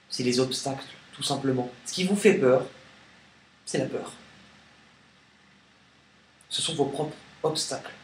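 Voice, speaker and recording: A man giving a casual tarot card reading to camera, reading the card texts aloud with playful, lively emphasis. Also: fairly high pitch, slight background noise. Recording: echoey room with faint ambience.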